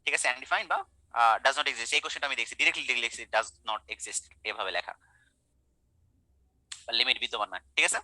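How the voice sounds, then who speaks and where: A man's voice: medium pitch, fast talker, long pauses, pushed and bright, dry recording, low-quality recording. A young man teaching math in an online class, speaking colloquially, coaxing and quizzing his students.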